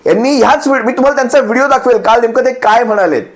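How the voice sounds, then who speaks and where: A man's voice: very high-pitched, very fast. A man speaking as a party spokesperson, attacking a rival with rhetorical questions and repeated phrases. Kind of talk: political speech addressing opponents.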